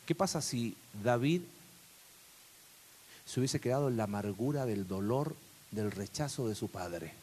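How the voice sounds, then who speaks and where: A man preaching a sermon, swinging from hushed to emphatic. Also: mid-range voice, lively intonation, a little slow, long pauses, slight background noise.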